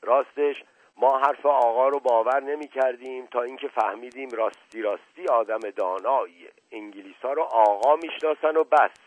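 A man's voice: mid-range voice, no room sound, lightly acted. A man voicing a simple, chatty old male servant who rambles in a folksy, earnest way. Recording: dry tinny radio recording.

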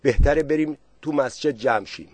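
A man's voice: medium pitch, a little mellow, no room sound, voice pushed up, close to an everyday voice. A man doing an anxious village man. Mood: worried. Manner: anxious, insistent questions.

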